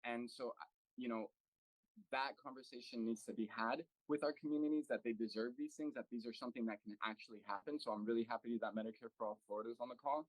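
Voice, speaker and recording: An earnest American man, his local party chapter's president, addresses an online political meeting via video call at a quick pace, thinking aloud with lots of fillers and restarts. His medium-pitched voice has fairly even intonation, and the recording is dry and rough.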